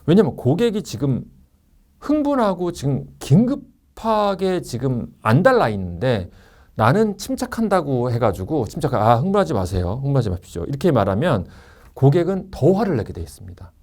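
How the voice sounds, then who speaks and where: A middle-aged man lectures on handling customers, his voice mellow and dark. His pitch swings widely as he acts out quick customer and staff exchanges. The delivery is animated and conversational. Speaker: sales trainer and lecturer. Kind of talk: online course lecture.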